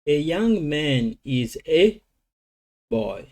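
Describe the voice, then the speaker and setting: Man slowly drilling English vocabulary. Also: a little high, very animated, darkish tone. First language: Lingala. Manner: switches between languages, slow drilling of English words. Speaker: language teacher. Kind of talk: informal vocabulary lesson.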